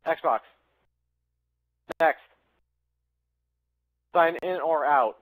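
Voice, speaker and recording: A man casually chatting while he barks loud voice commands at a game console and laughs often. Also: fairly high pitch, extremely slow, no room sound, low-quality recording. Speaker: gamer trying voice control. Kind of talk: casual gaming chat.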